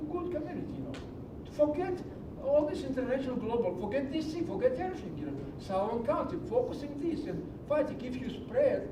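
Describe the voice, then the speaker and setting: A middle-aged man, speaking broken English in a passionate, preachy public comment at a county meeting. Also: dull audio. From Greece. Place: large meeting hall. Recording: echoey hall from far off with low rumble.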